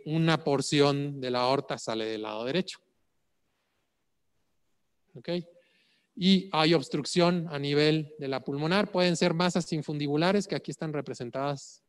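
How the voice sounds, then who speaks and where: A male medical lecturer walks students through clinical cases at a mid pitch. He keeps tossing out questions and answering them himself. His voice rings with the long reverb of a lecture hall. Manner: rhetorical questions, checks in with frequent "ok?". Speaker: medical exam prep lecturer.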